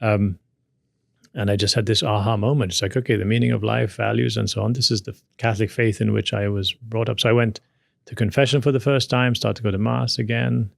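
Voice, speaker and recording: Low-voiced man with a Maltese accent. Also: fairly even intonation, a little fast, vocal fry, dry recording, studio quality. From Malta. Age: around 60. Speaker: podcast guest. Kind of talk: conversational interview, personal storytelling.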